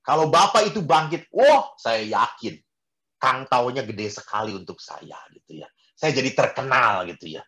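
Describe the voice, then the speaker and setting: Animated male priest preaching. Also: moderate pace, highs cut off. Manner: animated, with sharp swings in pitch and loudness; repeats words for emphasis. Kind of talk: sermon.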